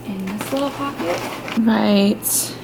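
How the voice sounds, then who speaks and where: A woman's voice: medium pitch, slow, low-quality recording. A woman chatting casually and informally to her viewers as a vlogger. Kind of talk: casual vlog chat to viewers.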